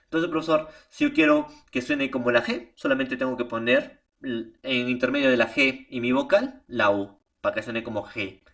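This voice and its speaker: Male Peruvian teacher, lively remote lesson delivery, gravelly, slightly distant mic. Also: mid-range voice, normal speed. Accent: Peruvian Spanish. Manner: animated, repeats "profesor" and "¿no?" as tags. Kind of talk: recorded remote language lesson.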